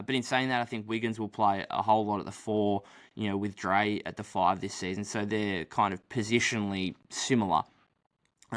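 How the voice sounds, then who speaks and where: A young man co-hosts a casual sports podcast early in the morning, his voice dry at that hour. It sits on the low side with a fairly bright tone, and he rambles with many fillers and restarts.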